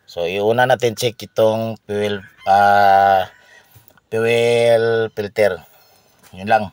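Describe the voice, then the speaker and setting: A man, a mechanic explaining a car repair to viewers in a halting way, pausing and repeating himself. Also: on the low side, fairly even intonation, darkish tone, clean tone.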